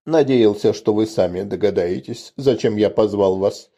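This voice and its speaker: A man's voice: medium pitch, animated, dark tone. A man voicing a spider-like armored lord who hisses and draws out his words. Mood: menacing. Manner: hissing, drawn-out words. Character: spider-like armored male lord, old and menacing. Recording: dull lo-fi recording.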